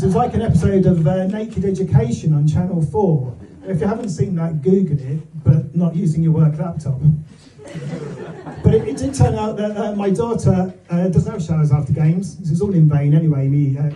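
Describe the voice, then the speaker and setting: A middle-aged man with an English accent performing stand-up comedy in front of an audience, telling anecdotes conversationally with set-ups and punchlines. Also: high voice. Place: live comedy gig before an audience. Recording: echoey room, recorded from far off.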